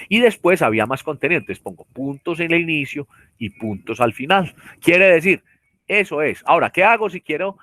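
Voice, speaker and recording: A man's voice: a little high, a bit bright, dry recording. A man teaching a virtual class, explaining step by step with many fillers and tag questions. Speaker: university lecturer. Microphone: computer mic on a video call.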